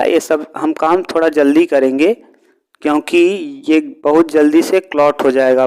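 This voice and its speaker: A man's voice: a little high, darkish tone, clear, resonant tone. A male teacher giving a step-by-step lesson, often asking a question and answering it himself. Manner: asks and answers his own questions.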